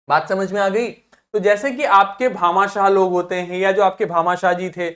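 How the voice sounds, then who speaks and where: A teacher giving a recorded vocabulary lesson who asks the students questions and answers them, repeats each word, and spells words out letter by letter. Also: mid-range voice. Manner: explains in Hindi, mixing in English words and read-out English phrases.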